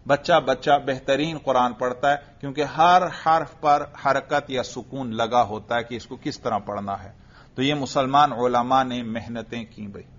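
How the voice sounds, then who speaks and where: A man's voice: fairly high pitch, fairly bright tone. Man teaching grammar on dull lo-fi audio. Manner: drills students with questions, slow emphatic recitation of examples. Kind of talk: classroom grammar lesson. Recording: dull lo-fi recording.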